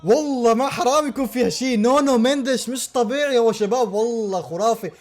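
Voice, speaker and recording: A man reacting live to a football match, excitable and full of repeated exclamations. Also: very high voice, fast talker.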